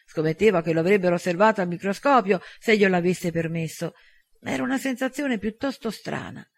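A man reading an audiobook in an even, measured narration. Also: sits high, creaky.

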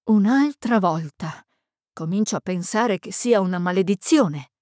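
A woman reading the part of a steady, wry woman who keeps her head. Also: medium pitch, unhurried, no echo, clean studio sound, natural voice.

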